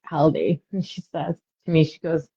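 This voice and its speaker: A woman's voice: low voice, fairly even intonation, moderate pace, dark tone, slightly rough. A woman co-hosting a casual chat, rambling along with lots of "you know" asides. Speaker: podcast co-host. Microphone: webcam or video call mic. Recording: dull lo-fi sound.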